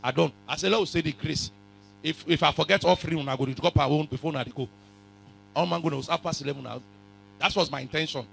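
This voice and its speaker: A man with a West African accent preaching a sermon in a raspy voice, forcefully repeating phrases and questioning his congregation, sometimes in pidgin. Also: a little high, fast talker, a little hiss or hum, poor audio. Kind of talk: animated sermon, code-switching into pidgin. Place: church hall full of congregation.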